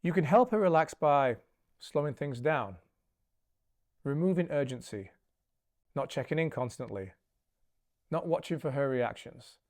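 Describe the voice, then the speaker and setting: A man hosting a relationship advice video, speaking in a calm, measured, instructive way. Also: on the high side. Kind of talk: scripted advice monologue.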